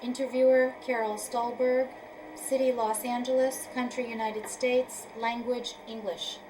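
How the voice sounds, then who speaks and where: A woman interviewer opening an oral history recording and asking formal, measured questions. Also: a little high, little pitch movement, background noise.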